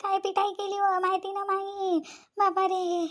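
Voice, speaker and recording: A woman's voice: very high voice, little pitch movement, fairly bright tone. A woman doing a groaning, beaten-up cartoon auntie. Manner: slow, groaning complaints. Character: bruised, whining village auntie seeking revenge. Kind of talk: cartoon voice acting.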